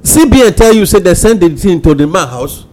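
A man's voice: high voice, sing-song, fairly quick, a little mellow. A Nigerian man speaking Nigerian Pidgin as host of a radio talk show discussion.

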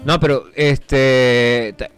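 A man's voice: medium pitch, fairly even intonation, very slow, clean tone, soft background music. A man hosting a comedic radio show, telling anecdotes and acting out voices. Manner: joking, acts out voices in anecdotes.

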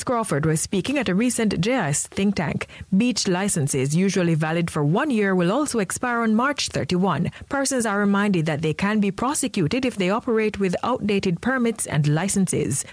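A woman's voice: medium pitch, expressive, normal speed, few pauses, dry recording. Jamaican woman newsreader, close dry sound. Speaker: news presenter. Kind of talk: scripted news bulletin.

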